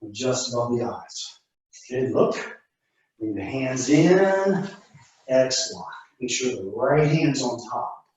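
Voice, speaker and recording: A man's voice: medium pitch, very animated, slow pace, pauses often, a little mellow. A man explaining karate to a class as the instructor, informal and instructive, often checking in with short questions. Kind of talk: casual spoken explanation to a class. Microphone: distant camera microphone. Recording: very echoey room, distant mic, dull sound.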